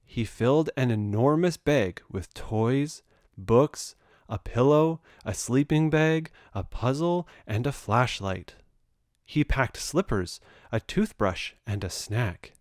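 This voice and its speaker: A man narrates a children's picture book in an expressive read-aloud style. His pitch rises and falls in a lively way, and the recording is close and dry. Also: slow, no room sound. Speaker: storybook reader.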